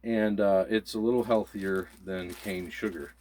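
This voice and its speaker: A deep, steady, darkish male voice, a little slow, co-hosts this laid-back prepping demo. He explains each supply in turn in an easy, step-by-step way.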